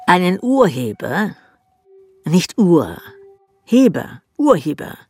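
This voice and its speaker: Radio drama AI: weary, cryptic old soul, gravelly and slow, theatrical musing. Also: female voice, a bass voice, big pitch swings, faint music behind, heavily acted. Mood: musing, sly. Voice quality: husky, gravelly.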